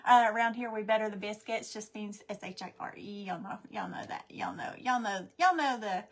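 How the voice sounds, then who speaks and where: A woman, chatty and excitable, hosting a live craft demonstration from home and greeting viewers by name. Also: mid-range voice, a little fast. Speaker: craft live-stream host.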